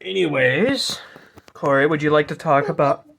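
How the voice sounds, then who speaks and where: A man's voice: on the high side, normal speed, vocal fry, fairly bright tone. A young man running a tabletop game, rambling with crude jokes and lots of fillers. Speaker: game master. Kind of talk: casual tabletop game narration.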